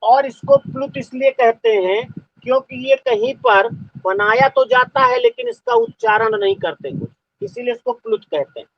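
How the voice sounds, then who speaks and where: Guy teaching a live online class, lively up-and-down voice, dry close sound, repeats stuff slowly so ppl can write. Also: very high voice, creaky, no echo. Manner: dictating slowly, repeating phrases. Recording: dull lo-fi audio.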